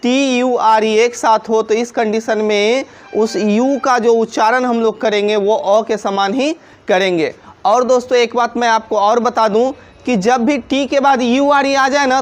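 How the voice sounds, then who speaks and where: A woman with a fairly high voice and a Hindi accent leads a video lesson in the tone of a patient classroom teacher. She spells words out one letter at a time, then asks her viewers a question and answers it herself. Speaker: English pronunciation teacher.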